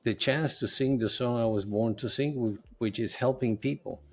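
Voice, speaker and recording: In a conversational podcast interview, a middle-aged guest who works as a nutritionist and health coach talks in an earnest, loose manner. Spanish is his first language. His voice is mid-range and moves at a moderate pace.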